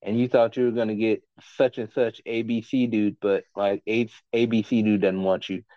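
A man's voice: lowish voice, level tone, moderate pace, no room sound, dull audio. A man as a podcast guest in casual chat, giving blunt, profane, rambling opinions.

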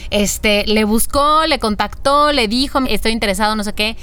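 A woman's voice: a little high, moderate pace, sharp tone, a little hiss or hum. A woman with a Mexican accent who co-hosts a casual chat and talks in a playful, slangy way.

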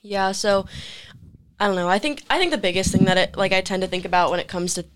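A woman's voice: mid-range voice, fast, a little hiss or hum. A young woman in a casual panel discussion, speaking conversationally with many fillers. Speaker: student panelist.

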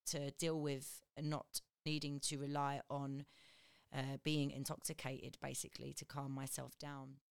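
A woman, a DJ hosting a podcast, chatting casually and talking in quick, lively bursts. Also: extremely low pitch, gravelly, clear, resonant tone, dry recording. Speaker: podcast host and DJ.

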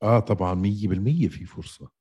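A man's voice: fairly low pitch, racing, dark tone, breathy edge, muffled recording. A man with a Levantine Arabic accent in casual sports chat, co-hosting emphatically and often repeating his phrases. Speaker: co-host of an MMA podcast.

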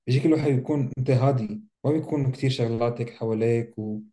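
Fast-talking mellow-voiced man. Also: medium pitch. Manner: relaxed, reflective, mixes English words into Arabic. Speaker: podcast co-host. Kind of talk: casual conversation about self-help.

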